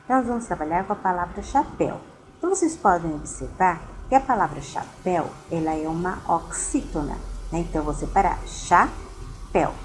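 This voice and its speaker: A woman's voice: fairly low pitch, a little mellow, slight background noise, low-quality recording. Patient woman teacher explaining grammar. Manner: patient, explanatory, addresses students directly. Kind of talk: recorded online lesson.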